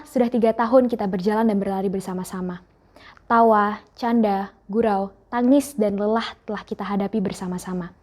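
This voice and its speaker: A teenage girl giving a formal farewell speech on behalf of her class, in a measured, earnest delivery. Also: fairly high pitch, darkish tone. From Indonesia. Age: teens. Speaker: student speaker.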